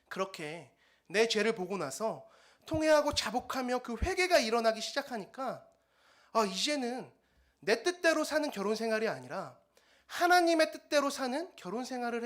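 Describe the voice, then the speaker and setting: A young man, a junior pastor, preaching a dawn service sermon in a church and telling his own story with lively acted-out dialogue. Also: very high voice. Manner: animated storytelling, acting out quoted dialogue. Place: church sanctuary.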